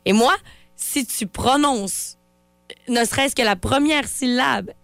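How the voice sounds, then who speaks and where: A woman's voice: on the high side, slow pace, creaky, fairly bright tone, no room sound, soft background music. A woman with a Quebec French accent hosting a morning radio show, chatty and laughing often. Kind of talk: casual radio chat.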